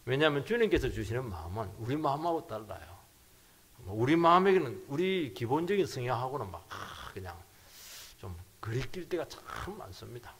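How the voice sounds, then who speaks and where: Male pastor, middle-aged, sermon. Gravelly, husky voice with sharp swings between forceful bursts and whispers. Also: medium pitch, sing-song, normal speed. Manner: emphatic preaching, swinging from loud bursts to near whispers.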